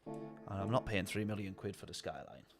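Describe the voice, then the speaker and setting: A man's voice: sits low, lively intonation, moderate pace, vocal fry, faint music behind. A man talking casually over a racing game stream, rambling and answering viewer chat. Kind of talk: casual gameplay commentary.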